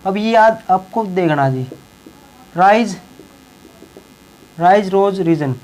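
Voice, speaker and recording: Male teacher, high-pitched voice, repetitive, explanatory classroom lesson. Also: lively intonation, slow pace, a little mellow, low-quality recording. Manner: repeats words and tags lines with a check-in phrase. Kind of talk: classroom lesson explaining English verbs in Hindi.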